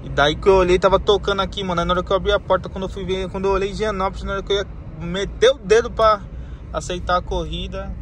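High-voiced São driver vlogging. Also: male voice, little pitch movement, fast talker, a bit bright. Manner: slangy, calls viewers family and guys. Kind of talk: casual vlog narration. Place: inside and around a car in the city. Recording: noisy car and street recording. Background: street and traffic noise.

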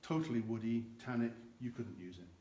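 An older man with a dark, mid-range voice speaks briskly as he explains cognac aging to visitors. He is a guide in a large, dim barrel warehouse with an earthen floor, gesturing with both hands. Recorded by a camera a few meters away, the audio has warehouse echo and faint noise.

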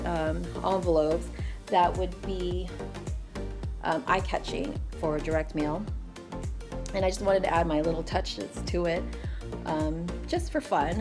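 Chatty rambling woman vlogger. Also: on the low side. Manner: chatty and rambling, with many fillers. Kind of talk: casual chat. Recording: background music clearly heard.

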